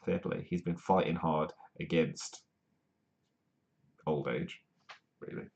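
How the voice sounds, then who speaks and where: A man's voice: extremely low pitch, steady tone, takes it slowly, gravelly, a little mellow. A man hosting a live comedy news stream from the UK, reading articles aloud with rambling asides and plenty of ums. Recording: dull lo-fi stream audio.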